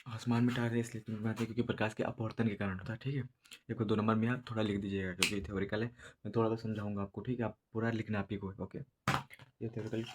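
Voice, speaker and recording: A man teaching a school exam lesson, explaining slowly and repeating himself because he has a headache. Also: lowish voice, flat delivery, background noise. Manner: slow, repetitive explaining with many filler checks. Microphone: no proper voice recorder.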